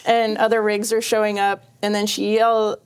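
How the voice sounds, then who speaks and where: A woman moderates a casual panel and slips into storytelling. She is animated, lifting her voice to act out the lines she quotes. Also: mid-range voice, normal speed, smooth. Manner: animated, acts out quotes in a raised voice.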